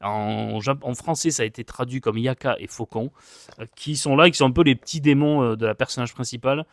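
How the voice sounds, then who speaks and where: Man, casual manga review, rambling, hesitant, mid-pitched, dry close sound. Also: brisk, dry recording. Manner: chatty, rambling, frequent hesitations and repeated words; self-mocking about his English accent.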